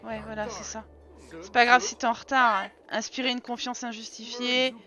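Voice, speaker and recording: A woman's voice: fairly high pitch, fairly even intonation, normal speed, over music. A woman giving casual, swear-filled commentary while playing a life-sim game live, talking to her characters. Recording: dull lo-fi stream audio.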